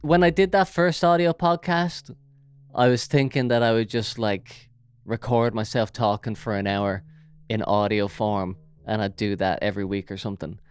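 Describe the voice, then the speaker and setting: Rambling and jokey, with lots of fillers, an Irish podcast host talks solo into a big studio mic. His voice is mid-range and smooth.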